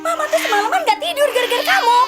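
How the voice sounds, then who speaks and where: An actress playing a jealous young mother who shouts at her maid in a tearful, scolding voice. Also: very high voice, expressive, racing, over loud music. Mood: angry scolding. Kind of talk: TV soap drama.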